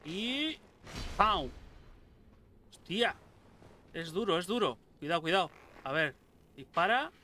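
A young man runs casual gameplay commentary, swearing freely and heckling the enemies he meets. His voice sits a little high and sounds bright and forceful. A faint background hiss runs under the desk-mic recording. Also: slow, pauses often. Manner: excitable, swears a lot, talks to enemies. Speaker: gameplay streamer. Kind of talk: casual let's-play commentary.

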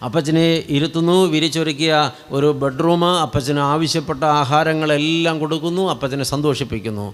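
Storytelling Malayali preacher, higher voice. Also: male voice, brisk. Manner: addresses the congregation directly, with rhetorical asides. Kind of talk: storytelling sermon.

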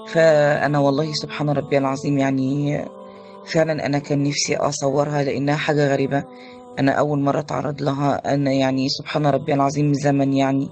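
Egyptian woman in her 40s, voice note, talks fast n shaken, faint music behind. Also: deep voice, a little mellow. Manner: rapid, shaken, repeating pious phrases. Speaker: corpse washer. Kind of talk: voice message.

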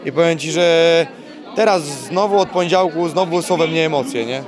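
A man's voice: on the high side, moderate pace. A young man, a fighter being interviewed after a weigh-in, talking bluntly with swearing and repeating himself. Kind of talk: casual post-weigh-in interview. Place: busy event press wall, indoors. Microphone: handheld mic held by interviewer. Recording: loud crowd chatter behind.

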